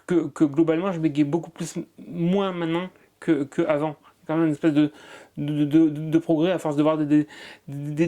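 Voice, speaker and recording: A man's voice: fairly high pitch, mellow. A man from Marseille who is a comedian, talking in an interview with a strong stutter and many repeated sounds. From Marseille, France. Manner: strong stutter with frequent repetitions. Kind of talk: interview conversation.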